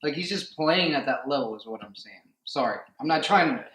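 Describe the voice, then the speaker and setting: A man with a Mexican-American English accent co-hosting a casual sports radio show from home, chatty, excitable and joking. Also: medium pitch, a little fast. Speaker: co-host. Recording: echoey room.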